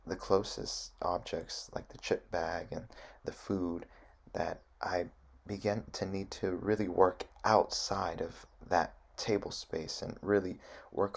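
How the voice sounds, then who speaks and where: A young man from Southern California narrating a drawing demonstration as an art instructor, measured and explanatory with hesitant fillers. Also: low-pitched, vocal fry, rough recording.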